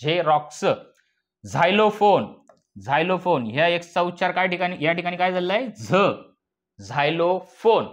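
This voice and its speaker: A man's voice: high-pitched, very animated, a little slow. A male teacher with a Marathi accent giving a phonics lesson, spelling words out letter by letter and asking and answering his own questions.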